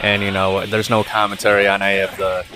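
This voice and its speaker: Monotone man rambling over gameplay. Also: lowish voice, fairly quick. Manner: monotone, rambling with many fillers. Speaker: gaming channel host. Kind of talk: casual gameplay commentary. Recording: game music playing under the voice.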